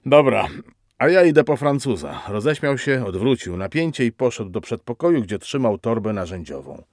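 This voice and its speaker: A man narrating a story in an ironic, expressive reading style. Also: lowish voice, dry recording, studio quality. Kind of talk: scripted storytelling.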